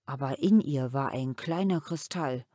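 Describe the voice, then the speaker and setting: Woman doing a calm father in a storybook, low and slow, husky tone, dry booth sound. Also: no room sound. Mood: reflective. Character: gentle thoughtful father, quietly sad.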